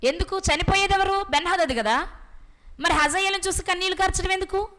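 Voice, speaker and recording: A woman preacher giving a sermon, posing questions to her listeners and answering them, and reading scripture slowly. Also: very high voice, a bit bright, low-quality recording.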